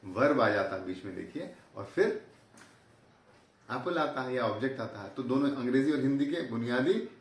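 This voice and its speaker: A man lectures at a steady pace, laying out numbered points and illustrating each with everyday examples. He mixes English technical terms into his explanations. His voice is heard from a little away from the mic, in a roomy, echoing space. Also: mid-range voice, moderate pace, far from the mic. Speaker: teacher.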